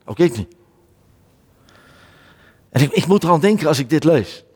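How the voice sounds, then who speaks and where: A man preaches in Dutch, his fairly high voice often stumbling and repeating words. He lifts his voice when he reads scripture aloud. The sound rings with the long reverb of a church hall. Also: lively intonation, moderate pace, husky. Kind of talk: sermon.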